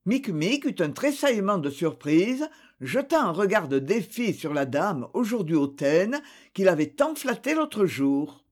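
An audiobook narrator reads a novel in a slow, measured way. The voice is expressive, with a wide, lively pitch. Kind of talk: scripted literary narration.

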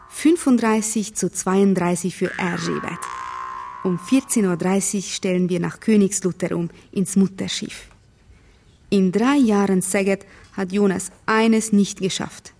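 A woman's voice: medium pitch, gravelly, darkish tone. An actress playing a wry young Hungarian woman who narrates her life in a radio drama in clipped inner monologue. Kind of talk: scripted first-person radio drama narration.

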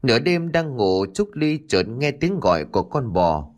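A man narrating a story in an expressive, dramatic way. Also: mid-range voice, moderate pace.

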